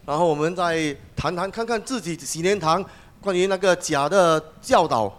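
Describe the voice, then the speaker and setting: A man's voice: sits high, moderate pace. A man interpreting a sermon phrase by phrase, with some hesitations as he goes.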